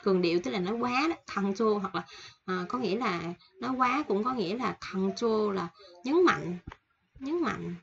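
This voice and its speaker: A woman's voice: medium pitch, animated, gravelly, highs cut off. Woman teaching vocabulary with a cold. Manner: slow repetitive explaining, reading word lists. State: has a cold. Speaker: Korean language teacher. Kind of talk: casual online lesson.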